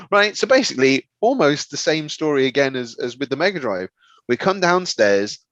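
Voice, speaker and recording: A man in casual comic storytelling mode, his pitch swinging widely as he rambles and trips over words. The sound is dry and a little dull, like a lo-fi close mic. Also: sing-song, moderate pace, a bit bright, no echo. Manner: rambling, stumbles over words, laughs often. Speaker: podcast co-host. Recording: slightly dull, lo-fi.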